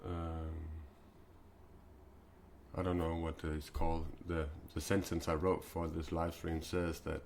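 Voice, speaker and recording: A Danish man in his forties hosting a spiritual live stream, talking haltingly with many fillers and restarts. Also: sits low, little pitch movement, vocal fry, a little mellow, a little hiss or hum. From Denmark.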